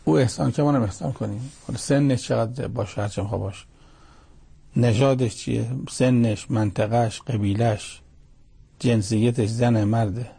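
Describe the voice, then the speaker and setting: A man's voice: medium pitch, steady tone, vocal fry, mellow, breathy edge. A man preaching a religious sermon with Arabic scripture quotations, building long lists and asking rhetorical questions.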